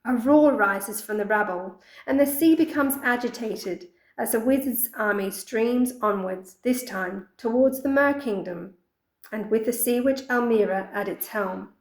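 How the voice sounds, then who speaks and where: A woman narrating a children's fantasy audiobook in a steady, expressive reading voice. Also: on the high side, unhurried, reverberant, low-quality recording. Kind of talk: scripted storybook narration.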